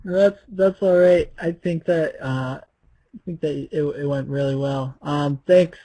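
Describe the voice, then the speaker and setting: Man, polite moderator, warm dark tone, a little unsure. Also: a little high, takes it slowly, poor audio. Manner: hesitant, polite. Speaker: session moderator.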